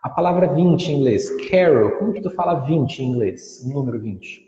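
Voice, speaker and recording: A man, an English teacher speaking in an interview. He explains patiently and models pronunciations with examples, in a soft, mellow voice pitched a little high. The audio is dull and echoey, with a long room reverb. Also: animated, normal speed.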